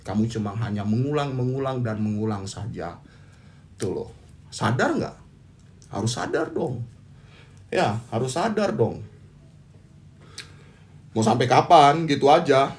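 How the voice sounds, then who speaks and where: A man at a middle pitch delivers a motivational talk. He is blunt and teasing, drops into casual slang, and drives points home by repeating them. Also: expressive, unhurried, pauses often, darkish tone, a little hiss or hum. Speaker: host giving talks on anxiety. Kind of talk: motivational monologue.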